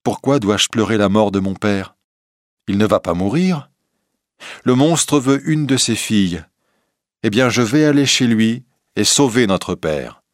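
A man voicing a brave, kind-hearted young woman in a storybook, calm and resolute. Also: lowish voice, a little slow, no room sound, studio quality.

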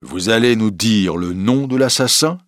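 A man's voice: lowish voice, lively intonation, measured pace, no echo, studio quality. Irritable stern judge voiced by a man. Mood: skeptical. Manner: curt, irritated, sharp. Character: irritable stern male court president.

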